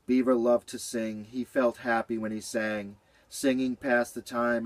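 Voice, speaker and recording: A man reading a children's story aloud in a gentle, rhythmic way with lots of repetition. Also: mid-range voice.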